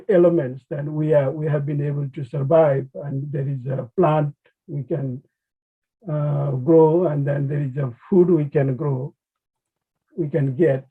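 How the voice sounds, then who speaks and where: Over a video call with thin, phone-like sound, a husky man with a Nepali accent and fairly high pitch delivers an informal academic webinar talk as a conservation biologist. He stumbles through his phrasing haltingly, restarting often.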